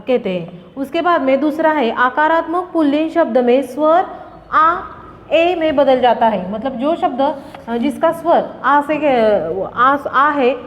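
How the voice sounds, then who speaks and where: High-voiced woman teaching grammar. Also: animated, slow pace. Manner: asks questions then answers them herself, many fillers. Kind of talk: grammar lesson explaining to students. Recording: dull lo-fi sound with long reverb.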